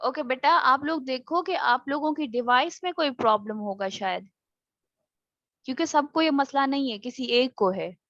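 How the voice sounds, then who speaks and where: A woman's voice: sits high, moderate pace, fairly bright tone, no echo, highs cut off. A woman with a Pakistani accent teaching an online English grammar class, explaining patiently and mixing in English phrases.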